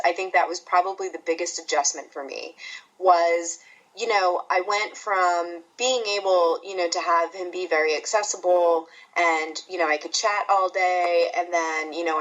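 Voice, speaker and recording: A woman's voice: on the low side, fairly bright tone, poor audio. A young woman, a guest novelist, talking candidly and casually on a podcast with a self-mocking streak. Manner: candid, chatty, self-deprecating.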